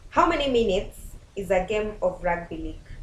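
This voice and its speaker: A woman's voice: mid-range voice, animated, a little fast. Kenyan woman cohost, swahili english mix, giggly, echoey room. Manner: laughing, mixes English and Swahili. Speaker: co-host. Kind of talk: casual quiz chat. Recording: roomy studio with faint noise.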